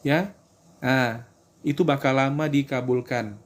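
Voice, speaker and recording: A man's voice: mid-range voice, measured pace. Chatty man giving advice to viewers. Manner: chatty, repeats himself, acts out prayers; answers viewer greetings. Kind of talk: casual religious advice talk.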